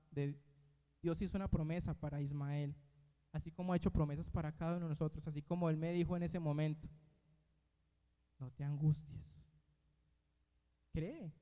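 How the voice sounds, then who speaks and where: A man delivers a Sunday sermon, weaving his own story into the message. His voice sits somewhat high for a man, and he swings between loud emphatic peaks and soft low asides. The sound carries a long reverberant tail from the church hall. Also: clear, resonant tone. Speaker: preacher. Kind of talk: sermon with personal testimony.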